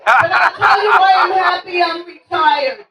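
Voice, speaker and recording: A woman's voice: extremely high pitch, measured pace. An older woman doing a stand-up comedy set, with a brash, punchy delivery and sing-song emphasis. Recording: echoey room from far off, crowd noise.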